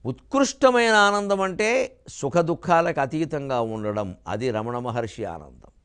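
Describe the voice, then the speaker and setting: An older man giving a televised spiritual discourse, reciting verses in a slow drawn-out chant and rising sharply in pitch for emphasis. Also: animated, a bit bright, clean tone. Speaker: spiritual lecturer.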